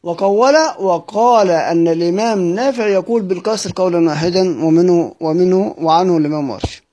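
A man with an Egyptian Arabic accent explains a classical text, voice pitched a bit high for a man. He stretches words out slowly when he repeats them and keeps posing his own questions before answering them. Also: dark tone. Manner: clears his throat often. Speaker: Quran recitation teacher.

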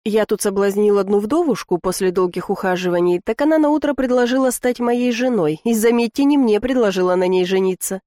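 A woman's voice: medium pitch, brisk, hardly any pauses, mellow, dry recording, clean studio sound, lightly acted. A woman reading an audiobook, voicing a chatty, vain French man bragging about a conquest. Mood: boastful.

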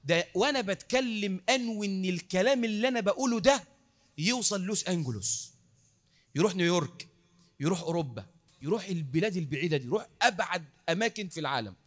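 Egyptian male preacher, mosque lecture; quick, high-pitched, engages the crowd with questions. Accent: Egyptian Arabic. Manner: lively, repeats words for emphasis, asks the crowd questions.

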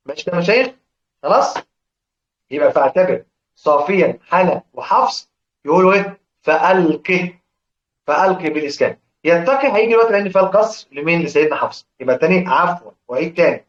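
A man with an Egyptian accent teaching a lesson on Quran recitation. He keeps asking his students questions, answers them himself, and chants quoted verses slowly. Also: fairly high pitch, animated. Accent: Egyptian Arabic. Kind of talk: religious lesson explaining verse. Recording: echoey room, dull lo-fi sound.

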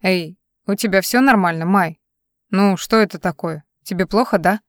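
A weary, level-headed young man musician, curt but patient, as a woman reader puts him on. The voice sits at a middle pitch and is heard close and dry. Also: moderate pace, no room sound, natural voice. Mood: concerned.

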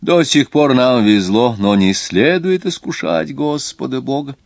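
A man's voice: medium pitch, expressive, a little slow, dry recording, clean studio sound, voice pushed up. A man reading an audiobook, voicing a fussy, anxious Swiss watchmaker who takes offence easily.

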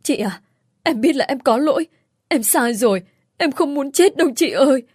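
Woman voicing a cowering middle-aged man, high, whining pleas, dry close sound. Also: animated, moderate pace, darkish tone, dry recording. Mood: pleading. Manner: pleading, whining. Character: desperate middle-aged man begging for his life.

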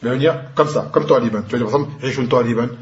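A man's voice: medium pitch, racing. Man teaching in an echoey room. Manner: explains patiently, switching between French and Arabic terms. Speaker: Arabic teacher. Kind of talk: classroom grammar lesson. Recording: echoey room, dull lo-fi sound.

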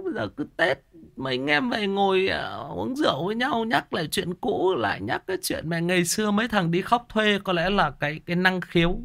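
Chatty guy on a livestream, bright voice, pitch bouncing all over. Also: creaky. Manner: animated, chatty, addresses viewers and answers comments. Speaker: livestream host. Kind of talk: casual storytelling to viewers.

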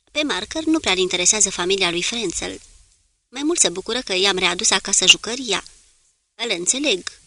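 Bright-voiced woman reading an audiobook. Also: mid-range voice. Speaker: audiobook narrator. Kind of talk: scripted narration.

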